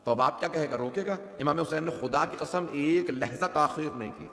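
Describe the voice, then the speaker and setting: A male preacher delivers an emotional devotional sermon, fairly high-pitched with a gravelly edge. His voice rings through a large, echoey hall with long reverb. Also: a bit bright. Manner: emotive orator, rising to impassioned peaks, often checking the crowd's response. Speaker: Shia cleric preacher.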